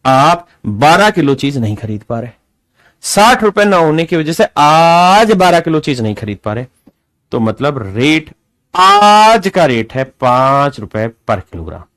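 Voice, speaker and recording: A man's voice: mid-range voice, no room sound. A man teaching a math lesson to a class in a folksy, coaxing way, often checking that students follow and calling them his dear children. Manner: asks frequent check questions.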